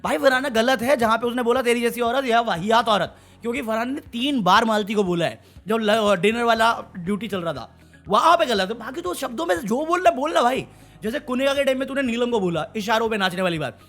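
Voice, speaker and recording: High-voiced man ranting about a reality show. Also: a little fast, soft background music. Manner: animated, mocking, switches to English phrases. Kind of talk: heated casual commentary.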